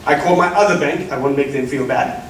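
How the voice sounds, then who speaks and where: In a lecture hall, a middle-aged South African keynote speaker talks a little fast in a slightly high voice, emphatically addressing his audience as colleagues. The distant mic brings a roomy echo, faint ambience, and slight hiss or hum.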